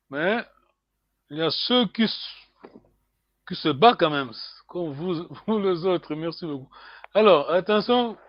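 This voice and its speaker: A man teaching an online language class, speaking slowly and deliberately and slipping in English words. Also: a little high, dry recording, dull audio.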